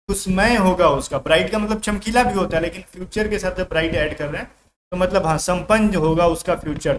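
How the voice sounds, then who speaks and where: A man's voice: sits high, fairly bright tone. A man teaching English vocabulary and grammar for an exam in a casual classroom-style lecture, asking rhetorical questions and acting out everyday scenes to explain meanings. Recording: echoey room with faint background noise.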